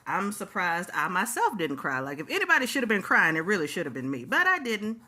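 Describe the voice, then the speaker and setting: A woman telling a storytime to her viewers in a lower, bright-edged voice with some bite. She is casual and emphatic, hammering key phrases twice and talking right at her audience. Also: wildly swooping pitch, brisk. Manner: talks straight to the audience. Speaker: storytime vlogger.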